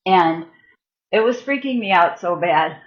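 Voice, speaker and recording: A woman's voice: fairly low pitch, animated, muffled recording. A woman spiritual healer and massage therapist, talking casually on a live stream with fillers and restarts, and leading a guided meditation. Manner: chatty, halting, with fillers and restarts.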